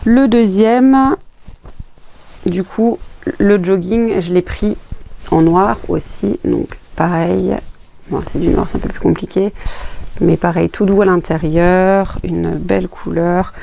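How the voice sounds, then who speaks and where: A woman's voice: fairly low pitch, slow, gravelly, mellow. A woman vlogging about sewing, chatting casually to camera as she unpacks and explains each item plainly. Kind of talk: casual unboxing chat to camera.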